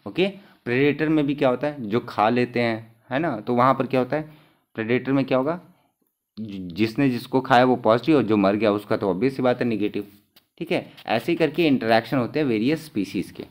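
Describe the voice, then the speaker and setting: A male exam-prep teacher, pitched in the middle range. He talks through the questions in a conversational way, asking the class questions and answering them himself, and repeats each key term so it sticks. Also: fairly quick.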